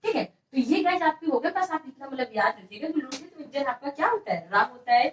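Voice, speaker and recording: A woman's voice: high-pitched, lively intonation, fairly quick, roomy sound, distant mic, rough recording. A woman teaching an exam-prep grammar lesson, repeating each question and answering it herself.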